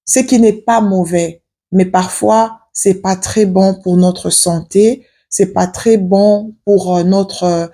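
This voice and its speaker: Speaking slowly, this woman has a warm, mid-range voice with fairly even intonation. In her forties and from Africa, she vlogs casual advice to camera for her viewers, sincere yet marked by frequent hesitations.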